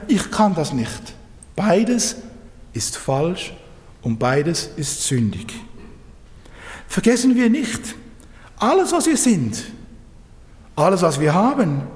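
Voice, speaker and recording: Male preacher with a high voice, emphatic sermon delivery, long echoing reverb. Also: darkish tone. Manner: emphatic, rising and dropping sharply for effect.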